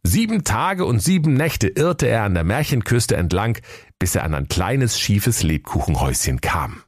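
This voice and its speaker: Animated man telling a comic fairy tale. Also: fairly low pitch, moderate pace, no echo, studio quality. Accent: northern German. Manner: playful, animated. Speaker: storyteller.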